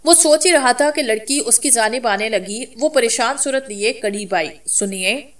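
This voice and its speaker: Woman reading a romance story aloud, measured and dramatic, somewhat high voice. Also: distant mic. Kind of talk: scripted story narration.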